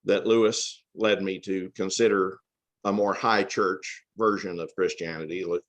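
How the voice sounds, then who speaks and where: An older man from the American South speaks in a lowish voice with an Appalachian accent. He tells personal stories casually, in a folksy and self-deprecating manner. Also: fairly even intonation, a little slow, a bit bright. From Tennessee and Georgia, United States. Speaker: interview guest, author.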